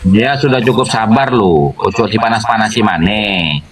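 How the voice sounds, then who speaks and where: A man's voice: fairly low pitch, expressive, moderate pace. A man speaking in a recorded clip, issuing warnings and mixing in Javanese words. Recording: clip with crowd noise behind. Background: crowd noise.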